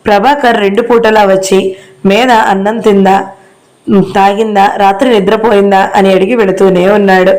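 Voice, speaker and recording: Woman, audio novel narrator, mellow dark tone, calm steady storytelling. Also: mid-range voice, rough recording. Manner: calm, unhurried storytelling, lifting her voice for the characters' dialogue. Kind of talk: reading a novel aloud.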